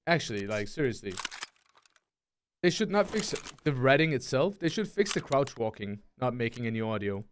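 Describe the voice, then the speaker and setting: A man's voice: medium pitch, big pitch swings, moderate pace, a little hiss or hum. A young man live-streaming a game, chatting casually and greeting his chat one by one in a laid-back way.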